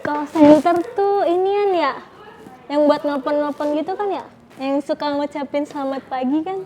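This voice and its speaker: A woman's voice: high-pitched, normal speed, mellow. A young woman with a Jakarta Indonesian accent, chatting casually in a playful, teasing vlog style. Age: young adult. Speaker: vlogger making prank calls.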